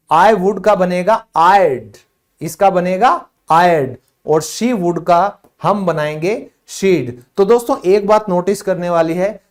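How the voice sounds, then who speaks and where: A man with an Indian accent, a native Hindi speaker, teaching a spoken English lesson, explaining in Hindi and saying short English phrases slowly. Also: high-pitched.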